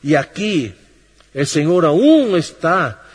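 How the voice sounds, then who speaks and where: A man preaching a sermon slowly, with long pauses, sinking low and soft and then lifting his voice. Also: big pitch swings, breathy edge. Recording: long reverb of a hall.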